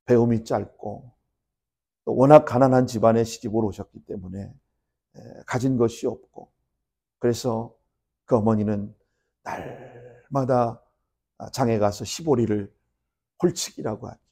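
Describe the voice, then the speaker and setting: A middle-aged male pastor preaching a sermon, building to loud impassioned peaks and dropping to soft endings. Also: mid-range voice, steady tone, unhurried, creaky, pauses often, breathy edge. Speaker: senior pastor.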